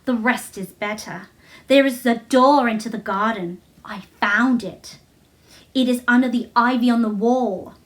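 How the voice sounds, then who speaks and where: A woman's voice: on the high side, a little slow, close to an everyday voice. A woman reading a storybook as a frank, earnest young girl, plain-spoken and childlike. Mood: solemn, excited.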